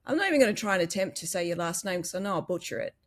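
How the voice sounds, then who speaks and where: A woman's voice: on the low side, lively intonation, rapid-fire. A woman with an Australian accent hosting a casual interview, chatty, laughing easily and using plenty of fillers. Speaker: podcast host.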